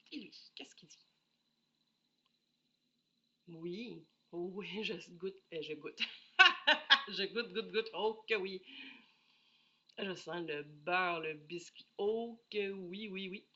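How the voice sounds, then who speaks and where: A woman with a Québécois accent talks through perfume samples in a slow, bright voice that swings widely in pitch. She thinks aloud, apologizes often and has a head cold. The home recording sounds dull and lo-fi. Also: husky. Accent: Québécois French. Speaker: perfume reviewer. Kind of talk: casual solo review chat.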